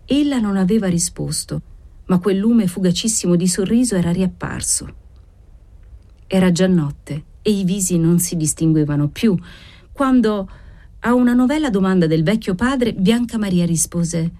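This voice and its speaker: A woman's voice: mid-range voice, moderate pace, warm tone. Woman reading a classic novel aloud. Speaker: audiobook narrator.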